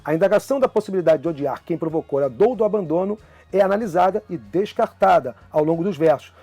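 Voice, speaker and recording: Man, Brazilian Portuguese accent, literature teacher, upbeat chatty lesson, high voice, dead-dry close recording. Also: lively intonation, mellow, slightly rough, dry recording, faint music behind. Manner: enthusiastic, conversational, reads poems slowly and expressively.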